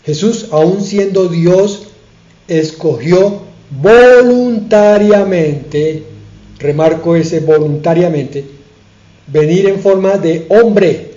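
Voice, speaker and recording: A man preaching a sermon as a pastor, earnest and emphatic, slowing down and pausing to stress his points. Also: fairly high pitch, warm tone. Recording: echoey room, dull sound.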